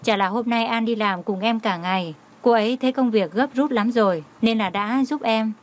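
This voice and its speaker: A man's voice: sits high, normal speed, natural voice. A woman voicing a playful young male coworker who teases and whines. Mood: sheepish.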